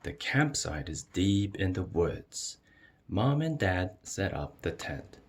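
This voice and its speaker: Deep, animated man reading a storybook aloud. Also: slow pace, breathy edge. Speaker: storyteller reading a children's picture book aloud. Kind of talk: expressive read-aloud narration.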